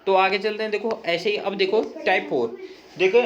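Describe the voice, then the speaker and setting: A man's voice: sits high, fairly even intonation, normal speed, highs cut off. Patient, repetitive male grammar teacher. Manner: patient and repetitive, checks in with "ठीक है"; talks straight to the viewer, pointing things out. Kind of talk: explaining grammar in a recorded lesson.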